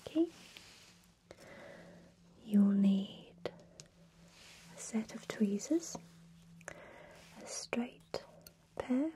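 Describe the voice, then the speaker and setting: A woman speaking in a soft, breathy whisper, giving a calm ASMR tutorial as a spa technician. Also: medium pitch, drawn-out words, pauses often, poor audio.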